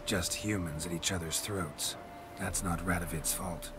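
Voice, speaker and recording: Gruff terse monster hunter, very low voice, clear hiss behind, game audio. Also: male voice, unhurried. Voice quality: gravelly, terse and flat. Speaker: player character.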